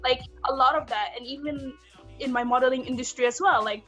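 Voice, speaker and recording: Candid woman co-host, slightly high. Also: steady tone, fairly quick, a bit bright, soft background music. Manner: candid, emphatic, with repeated restarts. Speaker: podcast co-host and model. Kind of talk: casual podcast discussion.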